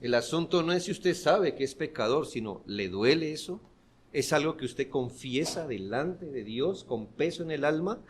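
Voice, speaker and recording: A man preaching a sermon as pastor, earnest and building to forceful emphasis. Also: a little high, lively intonation, moderate pace, a little hiss or hum. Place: church.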